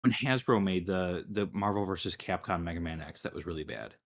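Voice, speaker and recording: Man, co-host, lowish voice, rambling, restarts sentences, casual chat. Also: a little fast, slight background noise. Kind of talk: casual live-stream chat.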